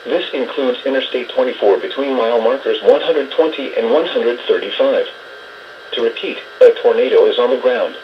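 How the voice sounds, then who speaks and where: Emergency weather warnings are read from a script by a synthesized male announcer in a measured, monotone delivery. The pitch is medium, and the weather radio signal comes through muffled with noise.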